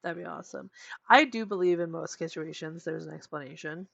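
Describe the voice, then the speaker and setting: Lively, low-voiced woman podcaster. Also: fairly quick, gravelly, no echo. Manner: animated storytelling, frequent "like" and swearing. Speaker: podcast co-host. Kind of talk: casual chat. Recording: dry, dull lo-fi podcast audio.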